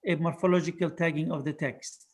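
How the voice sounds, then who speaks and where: A man moderates an online Q&A and walks the group through technical points. His pitch sits a little high, and his delivery is measured and careful. He often restarts a phrase mid-thought. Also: steady tone, crowd noise. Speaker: moderator and project lead.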